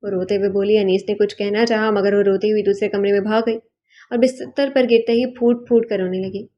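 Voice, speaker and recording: A woman's voice: medium pitch, little pitch movement. Woman narrating a romance novel. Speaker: audiobook narrator. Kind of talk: novel reading. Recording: dull lo-fi recording.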